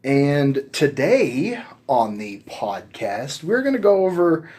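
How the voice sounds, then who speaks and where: A man in his thirties co-hosting a casual podcast, talking in a relaxed way with frequent restarts. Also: on the high side, slow, slight background noise. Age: 30s. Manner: relaxed, hesitant with many restarts. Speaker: podcast co-host. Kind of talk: casual chat.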